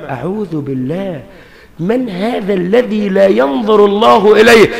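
High-voiced fiery Egyptian preacher. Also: male voice, moderate pace, creaky, in a large hall, crowd noise. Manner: fiery, emphatic, bursts into shouts. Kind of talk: sermon.

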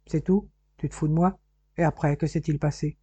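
A woman's voice: sits low, fairly even intonation, normal speed, dark tone, husky, no room sound. A woman reading the part of a playful young man teasing his brother with pushy questions. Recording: dull, muffled dry recording.

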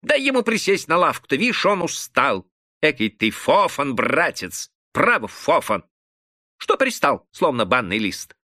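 A man's voice: fairly high pitch, huge pitch swings, unhurried, bright, forceful tone, no room sound, clean studio sound, voice pushed up, exaggerated voice. Man doing Morgach, a snappish villager. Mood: annoyed. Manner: snappish, scolding. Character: irritable village man, scolding a pest.

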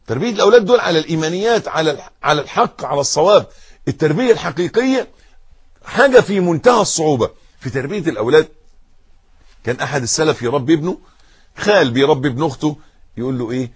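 A man with an Egyptian accent preaching a sermon, moving from loud emphatic stress to hushed, intimate asides aimed straight at his listeners. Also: a little high, expressive, very fast, breathy edge, no echo. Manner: speaks directly to the audience with colloquial asides.

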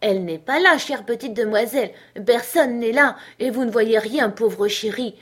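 A woman reading an audiobook, voicing a kindly, anxious older woman housekeeper who pleads in a soothing, hushed way. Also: high-pitched, moderate pace, pitched above the performer's own voice. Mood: pleading, soothing.

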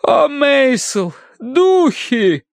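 A swooning, melodramatic society lady, as a male audiobook reader puts her on, fluttery and theatrical, stretching her words out. The voice is pitched far above the reader's own and swings widely, recorded close and dry. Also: big pitch swings, gravelly, dry recording, exaggerated voice. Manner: fluttery, theatrical, drawn-out sighs. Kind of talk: audiobook character voice.

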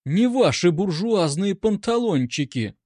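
Man doing a young woman soldier, defiant, shrill, indignant shouting, raised pitch, dry close sound. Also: lively intonation, unhurried, dry recording. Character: defiant young female Red Army gunner.

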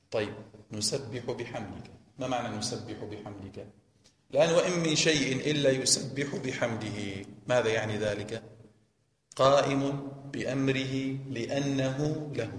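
Male sheikh, mosque lesson, questioning style; reverberant hall, faint hiss. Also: mid-range voice. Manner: questioning, repeats key phrases. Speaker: sheikh teaching Quran commentary. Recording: echoey hall, faint noise.

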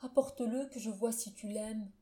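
A woman's voice: fairly high pitch, normal speed, mellow, lightly acted. A woman reading the part of a dying young woman who pleads in a breathless voice. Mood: pleading.

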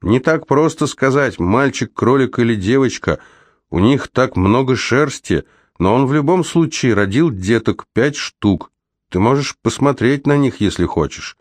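A man voicing a big shaggy man in an audiobook, calling out loudly and coaxing enthusiastically, in a low, dry voice raised well above his own. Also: wildly swooping pitch, moderate pace, hardly any pauses, no echo. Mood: eager. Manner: calls out loudly, enthusiastic and persuasive.

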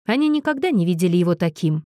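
Woman, audiobook narrator, steady, expressive, dry close sound. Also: lowish voice, quick pace, no echo.

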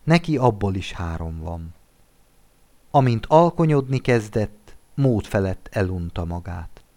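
A man narrating a classic literary story for an audiobook. He reads expressively, and his voice sits a little low. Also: animated, a little mellow. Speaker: audiobook reader.

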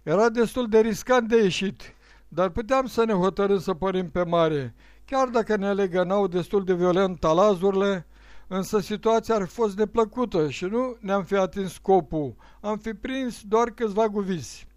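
A man narrating a novel as an audiobook, with measured first-person storytelling. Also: high voice, dry recording. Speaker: audiobook reader.

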